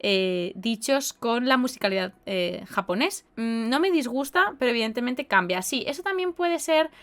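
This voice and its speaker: A woman with a Spain Spanish accent hosting a casual live podcast, chatty and expressive as she reads out viewer comments. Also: a little high, normal speed. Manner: chatty and expressive, with lively exclamations. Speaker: podcast host and streamer.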